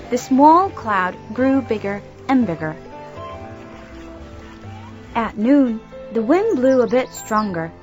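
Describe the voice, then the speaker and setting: A woman narrating a children's story in an expressive, animated storytelling manner. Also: on the high side, lo-fi sound. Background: background music.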